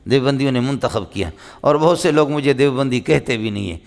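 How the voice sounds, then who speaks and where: A man's voice: medium pitch, brisk, creaky. A male religious scholar giving an impassioned speech to a gathering, emphatic and hectoring, often asking his listeners whether they understand and reciting Arabic passages. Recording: long hall reverb.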